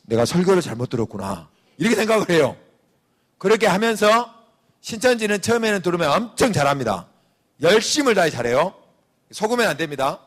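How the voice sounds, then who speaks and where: A man preaching a sermon as a pastor, animated, acting out little quoted voices as he goes. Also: on the high side.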